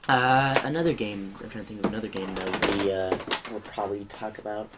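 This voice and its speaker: A man's voice: lowish voice, fairly even intonation, a little fast, a crowd in the background. A young man hosting a casual gaming podcast, rambling with lots of fillers and restarts. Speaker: podcast host. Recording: faint background noise.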